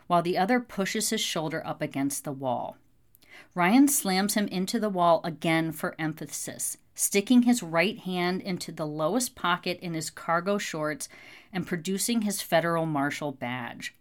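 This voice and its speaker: A woman reading an audiobook in steady scripted narration. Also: fairly low pitch, measured pace.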